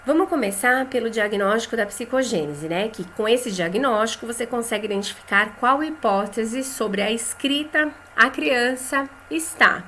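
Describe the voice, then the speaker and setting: A woman with a Brazilian Portuguese accent teaching a lesson for teachers, talking in a chatty way, often adding "né?", and saying example words slowly and clearly. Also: fairly high pitch, expressive, bright, forceful tone, slight background noise. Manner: conversational, tags phrases with "né?".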